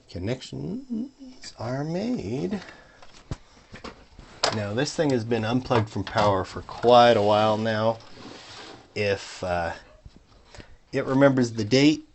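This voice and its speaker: A man talks slowly and dryly as he tinkers at a home workbench, half muttering to himself with a sarcastic edge. His voice sits low with a gravelly fry, and a faint hiss runs under it. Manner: dry, sarcastic, muttering to himself while working. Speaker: hobbyist modder. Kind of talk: casual workbench vlog narration.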